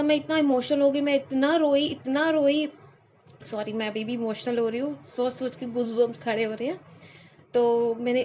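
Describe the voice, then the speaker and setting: A woman's voice: a little high, a little mellow, slight background noise. A young woman telling a devotional story in an emotional, rambling way, with many fillers and restarts. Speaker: devotee sharing experience. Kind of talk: devotional testimony talk. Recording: dull lo-fi with faint ambience.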